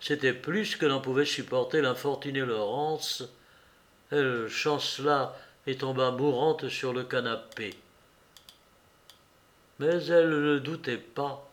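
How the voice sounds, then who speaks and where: A man narrating a classic novel audiobook in a measured, dramatic storytelling manner. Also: mid-range voice.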